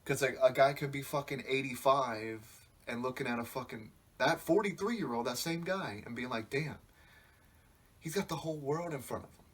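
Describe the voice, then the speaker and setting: A man's voice: medium pitch, moderate pace, fairly bright tone, slightly rough. A man in his twenties talking on a podcast in a loose, rambling, reflective way, swearing freely. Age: 20s. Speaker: podcast host. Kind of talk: casual podcast monologue.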